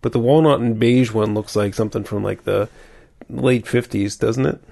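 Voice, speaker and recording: A man co-hosting a show, chatting casually about shopping items, haltingly thinking aloud as he browses and reads out product details. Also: fairly low pitch, fairly even intonation, creaky, dark tone. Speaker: podcast co-host.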